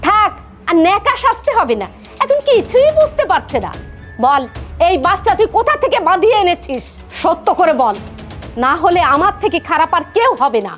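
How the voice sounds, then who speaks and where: High-pitched, scolding Bangladeshi mother-in-law. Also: big pitch swings, normal speed, a bit bright, soft background music, full character voice. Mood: angry, accusing. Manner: scolding, haranguing. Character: harsh, accusing mother-in-law, quick to rage. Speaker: actor. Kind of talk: melodramatic short film acting.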